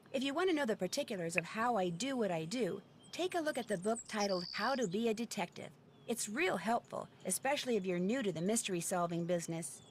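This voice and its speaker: A woman's voice: medium pitch, a little hiss or hum, close to an everyday voice. A woman playing a friendly, self-assured young female detective who addresses the player in a scripted video game monologue.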